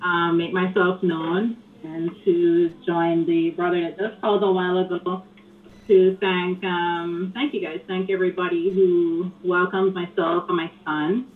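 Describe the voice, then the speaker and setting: A woman calling in to a radio show, speaking softly and earnestly with frequent pauses. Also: on the low side, little pitch movement. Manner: soft-spoken, earnest, halting. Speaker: caller. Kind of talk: call-in phone conversation. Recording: tinny phone line with hiss.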